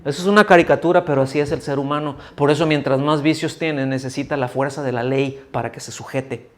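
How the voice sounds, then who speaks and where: A man's voice: mid-range voice, steady tone, fast. A middle-aged man, preaching a sermon in a church hall. He talks in a conversational way, keeps asking the congregation questions and acts out the voices of people he quotes. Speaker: pastor.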